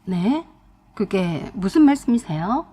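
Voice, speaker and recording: A woman's voice: mid-range voice, sing-song, takes it slowly, breathy edge, heavily acted. A woman voicing a defiant young wife who talks back bluntly to her mother-in-law and husband in a radio-drama story. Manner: blunt, sharp, talking back.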